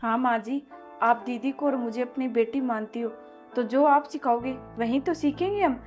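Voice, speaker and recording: A woman's voice: a little high, moderate pace, lightly acted. A woman acting as a young daughter-in-law in a home-made family drama, talking back firmly. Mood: explaining firmly. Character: young daughter-in-law, patient then firm. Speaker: actor in a family skit. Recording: faint background music.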